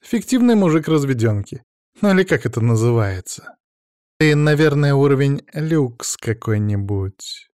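A man reading an audiobook, voicing an irritable, defensive woman fitness trainer who talks in a sharp, sneering way. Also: mid-range voice, sing-song, a little fast, dry recording, studio quality, lightly acted. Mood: mocking. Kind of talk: audiobook character voice.

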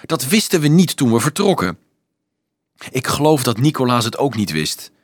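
A man's voice: medium pitch, very animated, normal speed, dry recording, clean studio sound, voice pushed up. A man voicing an earnest, anxious young girl full of doubts in an audiobook. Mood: doubtful. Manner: anxious, questioning.

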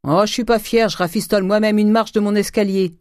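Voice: mid-range voice, fairly even intonation, fairly quick, no room sound, studio quality, pitched above the performer's own voice, lightly acted. A reader voicing a miserly old former cooper who jokes in a folksy, blustery way. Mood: gruff banter.

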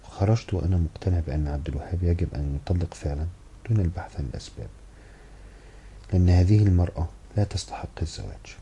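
Deep dark-voiced guy reading a novel aloud, quick and steady. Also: slight background noise. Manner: steady, brisk literary reading. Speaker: audiobook narrator. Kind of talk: first-person novel narration.

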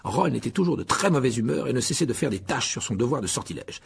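A man narrating an audiobook chapter in an expressive storytelling way. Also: mid-range voice, fast talker, vocal fry, husky. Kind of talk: scripted narration.

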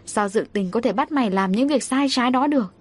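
A woman's voice: on the high side, quick pace, natural voice. A woman playing a harsh scolding mother. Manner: scolding, sharp, impatient. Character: harsh short-tempered middle-aged mother.

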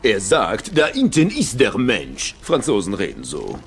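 An actor voicing a monster who deadpan translates a frozen chef's babble in a film dub. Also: male voice, lowish voice, unhurried, exaggerated voice. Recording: film soundtrack with music.

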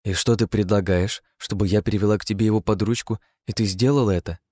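A man voicing a gentle, reproachful young woman. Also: lowish voice, steady tone, fast talker, dry recording, lightly acted. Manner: soft, pleading, reproachful.

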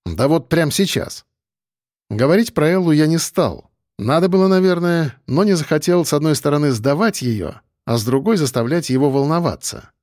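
A man narrating a first-person audiobook in an ironic, lively manner, close to the mic. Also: on the high side, a little fast, dry recording.

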